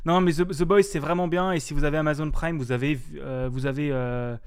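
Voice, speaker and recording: A man co-hosting a casual podcast chat, talking in a halting way with many fillers. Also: a little high, steady tone, clean tone. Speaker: podcast co-host.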